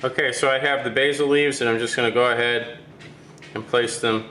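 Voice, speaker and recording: A man's voice: mid-range voice, fairly even intonation, a little fast, sharp tone, roomy sound, slight background noise. A man working as a chef, giving a step-by-step cooking demonstration and checking in with "okay?".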